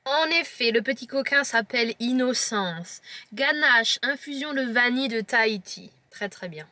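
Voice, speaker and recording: A woman with a Lorraine French accent, her voice a little high, animated, pushed and bright, talks at a moderate pace in a dry recording. She's a vlogger tasting chocolates on camera, describing each one in a chatty, playful way and teasing her viewers.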